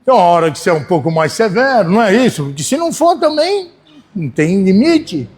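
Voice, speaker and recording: A Brazilian pastor delivers a sermon to his church in a voice pitched a little high for a man, with a Brazilian Portuguese accent. His manner is homely and folksy, full of quick asides and repeated "né?" checks with the congregation, and his animated delivery swings between loud and soft.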